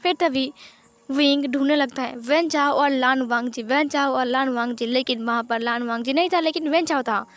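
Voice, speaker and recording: A woman's voice: high voice, steady tone, normal speed, fairly bright tone, faint music behind. A woman retelling a fan fiction story aloud as a storyteller, in a plain, simple way.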